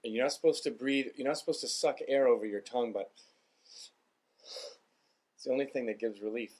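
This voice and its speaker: A man's voice: mid-range voice, brisk, a little mellow. A man in his thirties talking to camera in a taste-test vlog, his mouth burning from spicy food, pained and short of breath. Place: small indoor room lined with bookshelves.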